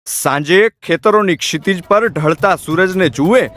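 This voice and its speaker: A man narrating an audiobook in an expressive, dramatic storytelling manner. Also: high voice, unhurried.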